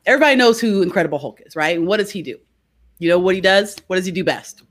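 A woman speaking as a guest in an interview, a behavior coach who explains her ideas through lively stories and keeps asking "right?". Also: lowish voice, rapid-fire. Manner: animated storyteller, frequent "right?". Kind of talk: conversational interview.

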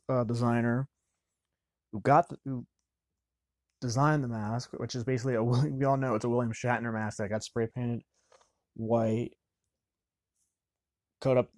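A man giving casual film commentary, rambling and halting, often restarting mid-sentence. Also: medium pitch, a little mellow, no room sound, clean studio sound.

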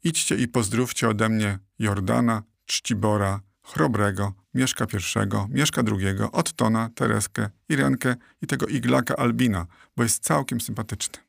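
A man voicing an old, talkative male oak tree in an audiobook, speaking slowly and listing names at length. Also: fairly low pitch, creaky, dry recording, studio quality. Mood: wistful. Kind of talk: audiobook character reading.

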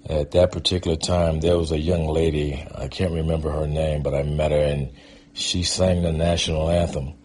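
In a rumbling low voice with a darkish tone and little pitch movement, a middle-aged American from Michigan tells his life story at a moderate pace. He's a guest storyteller and performing artist, and his reminiscing is casual, reflective and conversational.

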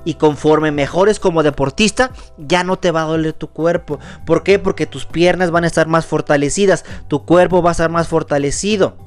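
A man's voice: a little high, steady tone, normal speed, hardly any pauses, soft background music. A man giving an earnest, preachy motivational reflection as a podcast host. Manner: earnest, preachy, acts out quoted voices. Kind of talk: motivational monologue.

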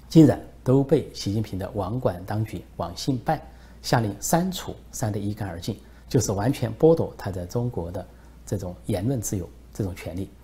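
Emphatic male political commentator, low mellow voice. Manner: emphatic, frequent fillers.

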